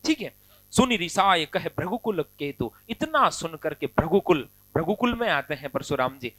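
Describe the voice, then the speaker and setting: A man teaching a poetry lesson, chanting verses slowly and then explaining them in lively, chatty asides. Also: a little high, dry recording.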